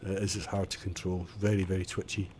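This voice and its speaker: On a desk condenser mic at home, a man streams a building game, giving chatty, self-deprecating tutorial commentary and muttering as he builds. His voice is low and darkish with a level tone and quick pace, and there's slight background noise.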